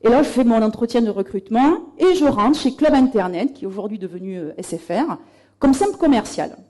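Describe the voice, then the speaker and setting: A woman giving a conference talk, telling lively anecdotes from her career and acting out past exchanges. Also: on the high side, brisk. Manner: lively storytelling, acting out past dialogues with laughs. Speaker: conference speaker. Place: conference room.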